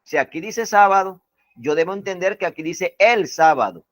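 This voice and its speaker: In a classroom lesson, a male English teacher from Colombia goes slowly, repeating himself and leaning on every word in turn before checking that his students agree. He sounds high-pitched and animated, and there's no room sound.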